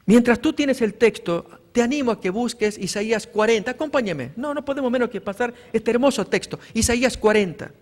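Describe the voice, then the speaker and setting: Male pastor, high voice, preaching a sermon; swells on the scripture lines and calls the audience brothers. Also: expressive, brisk, hardly any pauses, in a large hall. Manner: preaching with emphatic rises on scripture readings; addresses listeners as brothers. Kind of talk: evangelistic sermon.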